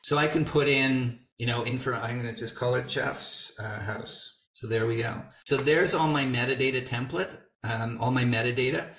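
A middle-aged man giving a casual walkthrough of photo software, talking through each step as he clicks. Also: medium pitch. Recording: roomy echo.

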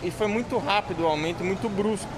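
A man's voice: sits high, fast, noisy background. A man who runs a restaurant, speaking emphatically in a news interview. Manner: emphatic, frustrated.

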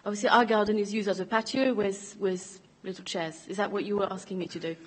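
Slightly husky woman answering questions. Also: medium pitch, steady tone, quick pace. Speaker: resident answering committee questions. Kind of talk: spontaneous answers at a public meeting. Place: council meeting chamber, indoors. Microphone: gooseneck desk microphone.

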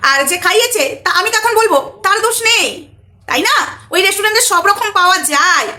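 High-pitched, fast, indignant woman vlogger. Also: expressive, bright, forceful tone. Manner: indignant, repetitive, lecturing. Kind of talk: emotional commentary vlog.

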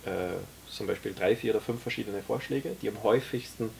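A man in his forties with a low, gravelly voice explains his vision at length, pausing often with fillers. He talks in a small tea café, picked up by a camera mic a few metres off. A faint hiss sits under the recording. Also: a little mellow. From Austria. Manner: explanatory, many hesitations. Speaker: guest, author. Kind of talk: casual conversation.

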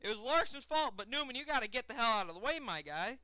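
An excitable young man hosts a live race reaction, cursing and begging the drivers on. His voice sits high and very bright, swinging widely in pitch. It stays clear and clean throughout. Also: fast talker, no echo. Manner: excitable, swearing, pleading with drivers. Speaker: channel host reacting to a race.

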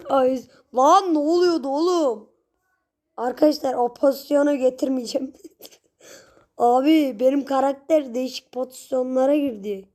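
A young woman giving casual gameplay commentary, chatty with her viewers and prone to sudden shrieks and yells at the game. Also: high-pitched, measured pace, long pauses. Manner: chatty, talks straight to viewers. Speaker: gaming channel host.

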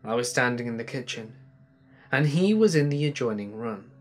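A man with a middle-pitched voice reads a first-person ghost story in a steady, measured way. Soft music plays quietly behind his words. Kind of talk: reading a submitted ghost story.

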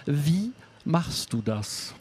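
Middle aged guy asking questions, kinda high voice, lots of ums, club backstage. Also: sing-song, darkish tone, breathy edge. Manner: halting, many fillers. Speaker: interviewer. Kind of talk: casual interview. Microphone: handheld mic.

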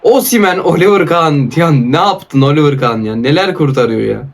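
A man narrates his own mobile football match over the gameplay, his voice sitting high for a man. He fires off player names in short bursts and rants in exasperation at his opponent's play. His frustration spills into swearing and complaints. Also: expressive, moderate pace, gravelly. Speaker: mobile football gaming YouTuber. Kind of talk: live gameplay commentary.

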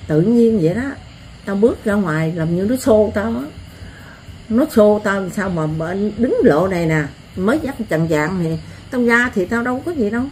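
An older woman with a Southern Vietnamese accent, telling stories in a blunt, earthy, animated way as an interviewee. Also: mid-range voice, slight background noise. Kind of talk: rural storytelling.

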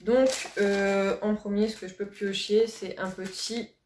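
Speaking at a medium pitch with a flat, measured delivery, a woman beauty vlogger unboxes a box and chats casually to camera. Her talk is gushing, with words repeated for emphasis, and the audio carries roomy echo and faint hiss.

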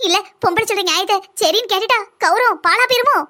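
A woman's voice: very high-pitched, quick pace, sharp tone, pitched above the performer's own voice. A woman voicing an aggrieved village mother in a cartoon, with a southern Tamil accent, lamenting and scolding at length. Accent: southern Tamil (Kanyakumari-Tirunelveli). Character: aggrieved village mother, brooding and sharp-tongued. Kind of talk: cartoon voice acting.

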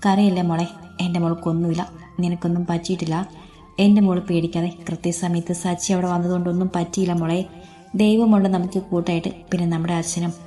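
A woman voicing a caring brother who gently soothes his frightened sister. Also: on the low side, close to an everyday voice.

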